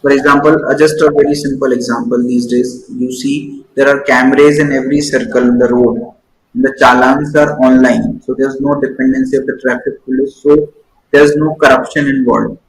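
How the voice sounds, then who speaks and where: A man's voice: mid-range voice, level tone, normal speed. A man with an Indian accent acting as a job interviewer, asking probing questions and explaining them with examples. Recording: echoey room with faint noise.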